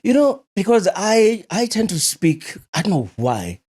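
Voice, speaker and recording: A South African man co-hosting a podcast in casual chat, an animated storyteller who laughs often and restarts his sentences. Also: high voice, measured pace, slightly rough. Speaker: podcast co-host.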